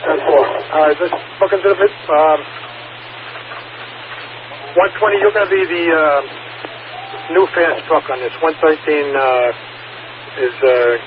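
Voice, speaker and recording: A man's voice: on the high side, measured pace, long pauses, phone-quality sound. New fire dispatcher man on noisy radio. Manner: procedural, repeats times and codes. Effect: two-way radio.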